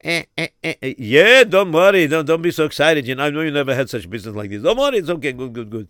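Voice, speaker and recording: A man's voice: on the high side, lively intonation, a bit bright, no room sound, studio quality. A man doing a stuttering, flustered caterer. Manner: stuttering, rushed. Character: fussy nervous caterer, middle-aged man.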